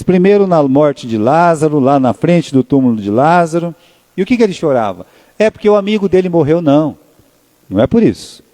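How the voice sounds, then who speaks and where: Brazilian pastor preaching, mellow voice. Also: male voice, fairly high pitch. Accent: Brazilian Portuguese. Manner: conversational preaching, asks the congregation questions and answers them. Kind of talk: sermon. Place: church.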